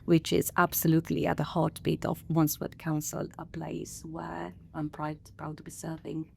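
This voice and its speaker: A middle-aged woman from Romania, a council director speaking as a podcast guest in a measured, thoughtful way with many pauses. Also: low voice, monotone, vocal fry, a little hiss or hum. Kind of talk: podcast interview.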